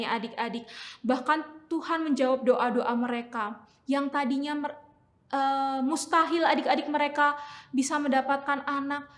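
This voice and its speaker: Young woman, high voice, kids church lesson, keeps asking the kids stuff. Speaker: children's church teacher. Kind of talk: children's sermon.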